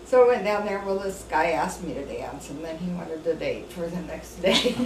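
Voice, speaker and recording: A woman's voice: on the low side, sing-song, measured pace, a crowd in the background. An elderly woman, a grandmother, telling family stories in a casual, rambling, anecdotal way, as an elder recalling the past. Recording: roomy, clearly noisy home recording.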